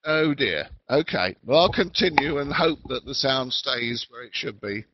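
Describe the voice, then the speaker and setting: A man's voice: mid-range voice, animated. Man lecturing over a patchy call line. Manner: measured, deliberate explaining. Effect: patchy online call audio that fades in and out. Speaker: webinar speaker. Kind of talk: educational lecture. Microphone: remote call mic. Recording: dull lo-fi call line, dry.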